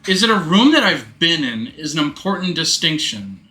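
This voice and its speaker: A man's voice: fairly high pitch, very animated, moderate pace, bright, forceful tone. A man giving a commentary on his game playthrough and reading its dialogue aloud, in a roomy-sounding recording. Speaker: let's player. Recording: roomy echo, faint music behind.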